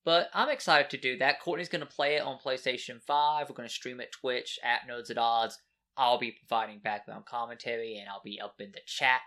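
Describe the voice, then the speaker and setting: Podcast co-host, male, bright and upbeat, chatty and full of questions. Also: mid-range voice, steady tone, brisk. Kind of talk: casual podcast chat.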